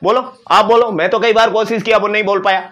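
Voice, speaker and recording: A man's voice: high voice, steady tone, fast, fairly bright tone. A male teacher giving an exam-prep lecture, explaining and demonstrating sounds with playful asides to his students. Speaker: Sanskrit teacher.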